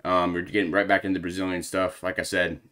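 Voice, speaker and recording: A man's voice: deep voice, little pitch movement, fast, noisy background. A young man hosting a reaction video in casual, rambling chat, slangy and full of fillers, a bit out of breath.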